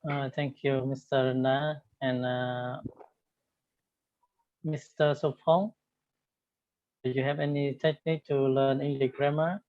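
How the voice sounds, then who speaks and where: A man hosting an online English discussion, speaking haltingly and repeating his phrases. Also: medium pitch, little pitch movement, no echo. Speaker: discussion host. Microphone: online call. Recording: narrow, phone-like online call.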